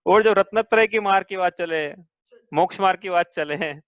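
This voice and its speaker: A man with a high voice leads a scripture class, explaining point by point and checking his students with questions. The sound is dull and lo-fi, dry with no room echo. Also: normal speed, a bit bright, clear, resonant tone. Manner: patient, asks students questions. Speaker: teacher. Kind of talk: religious class lecture.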